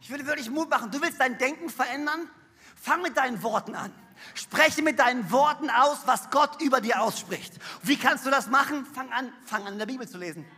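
A male pastor delivers an energetic sermon, his high, bright, husky voice carrying emphatic rhetorical questions. The sound rings with the long reverb of a large hall. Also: fairly quick. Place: large church hall on stage.

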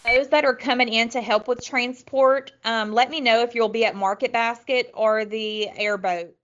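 A woman heard over a two-way radio, coordinating helpers with hurried instructions. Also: on the high side, fairly even intonation, a bit bright. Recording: muffled radio transmission.

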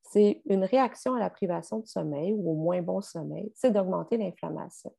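Québécois woman with a gravelly dark voice. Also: lowish voice, normal speed. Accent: Québécois French. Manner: explanatory, steady, many fillers. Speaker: sleep expert guest. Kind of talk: podcast conversation.

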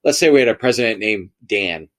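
A man's voice: on the low side, animated, brisk, a bit bright. A man arguing a theory in a casual, conversational debate, emphatic and repeating phrases to drive points home. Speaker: podcast debater.

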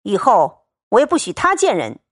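A man's voice: high voice, wildly swooping pitch, normal speed, a bit bright, no echo, clean studio sound, exaggerated voice. A woman doing a wheedling young nobleman. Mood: pleading, complaining.

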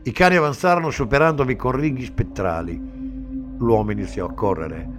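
A man reading a dark story aloud in a slow, somber dramatic manner. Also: medium pitch. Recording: music bed under the reading. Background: music underneath.

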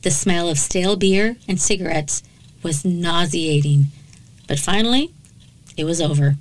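A woman's voice: lowish voice, unhurried, low-quality recording. Woman narrating true crime, wry asides. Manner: dramatic narration broken by sarcastic, blunt asides. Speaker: true crime podcast host. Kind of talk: true crime storytelling with commentary.

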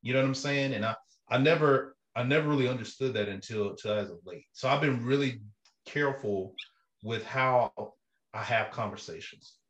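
A man speaking earnestly and haltingly in casual, slangy, reflective conversation, with a roomy echo on the recording. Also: mid-range voice, fairly bright tone, muffled recording. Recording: roomy, echoing sound.

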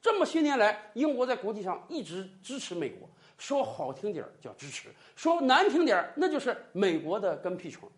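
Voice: medium pitch, sing-song, fairly quick, few pauses. A political commentator in full opinion mode, voice swinging widely up and down to mock and emphasize. The delivery is sarcastic and pointed, with heavy stress on scornful phrases.

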